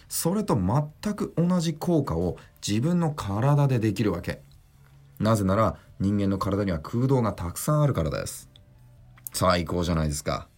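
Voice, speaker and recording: Lively male voice trainer, deep resonance. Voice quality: deliberately deep chest resonance. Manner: lively, instructive, demonstrates vocal sounds. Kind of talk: podcast voice lesson.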